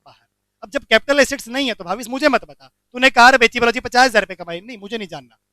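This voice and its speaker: A man teaching a commerce lecture, animated, asking the class questions and answering them himself. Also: very high voice, fast, no room sound.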